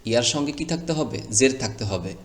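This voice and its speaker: A man's voice: medium pitch, lively intonation, quick pace. Patient man teaching Quran reading. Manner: patient, repetitive step-by-step explaining, sounding out letters. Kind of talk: screen-recorded reading lesson.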